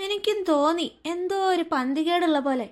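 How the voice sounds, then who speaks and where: A woman's voice: very high voice, normal speed. A woman voicing a bossy young man in a cartoon, ordering his friend around. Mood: suspicious. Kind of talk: cartoon voice acting.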